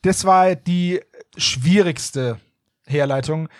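Man, casual podcast chat, animated, dry close sound. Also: a little high, no echo. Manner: animated, laughs often, quick asides. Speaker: podcast co-host. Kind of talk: casual podcast chat reviewing an audio drama.

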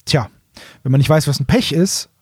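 A middle-aged German man co-hosts a podcast reviewing audio dramas, explaining things in casual fan chat and often rephrasing himself mid-sentence. His fairly high voice has a darkish tone and a breathy edge, at normal speed, in a dry, studio-quality recording.

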